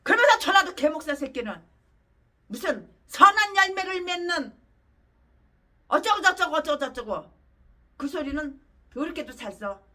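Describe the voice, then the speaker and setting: A woman's voice: sits high, animated, normal speed, long pauses, pushed and bright, recorded from a distance. A woman pastor preaching a fiery sermon, ranting angrily with scornful, profane insults.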